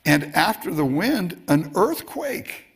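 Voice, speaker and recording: A male preacher with a slightly high, gravelly voice, delivering a sermon. He speaks in a husky tone at an unhurried, deliberate pace, with lively, expressive delivery. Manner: slow, expressive delivery with chuckles, acting out scripture quotes.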